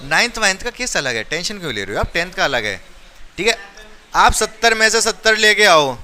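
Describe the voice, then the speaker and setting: A man's voice: high-pitched, big pitch swings, a little fast, sharp tone. A male maths teacher teaching a class step by step, counting aloud and urging his students. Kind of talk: classroom lesson.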